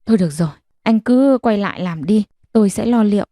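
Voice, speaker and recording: A woman voicing a gentle, worn-out middle-aged wife who pleads tearfully in an audiobook. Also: medium pitch, animated, fast, no echo, clean studio sound, lightly acted. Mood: tired.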